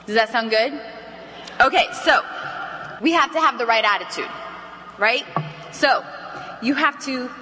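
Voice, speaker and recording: Bright, animated woman coaching a crowd. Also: on the high side, a little slow, long pauses, big-room sound. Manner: energetic and animated, acts out phone calls in shifting voices. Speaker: sales trainer. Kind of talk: motivational training talk to a live audience. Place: large hall with an audience.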